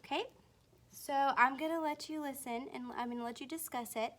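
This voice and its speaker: A woman teaching a children's phonics lesson, speaking slowly and encouragingly and asking young learners questions directly. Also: sits high.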